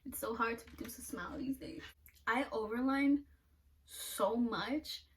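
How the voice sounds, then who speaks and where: Young woman, casual makeup vlog, self-mocking, swears a lot, slightly high voice, mic a bit distant, faint noise. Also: a little slow. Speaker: beauty vlogger.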